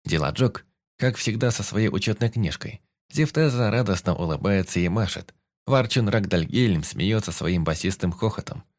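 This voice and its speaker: Deep male narrator, dramatic first-person audiobook read, dry close sound. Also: animated, normal speed, no room sound. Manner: intense, dramatic reading.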